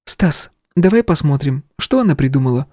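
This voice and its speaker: A calm young princess with a lifted, lively voice, gently mocking and playful, as a male narrator plays her. The sound is close and dry. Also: fairly high pitch, normal speed, no echo, voice pushed up.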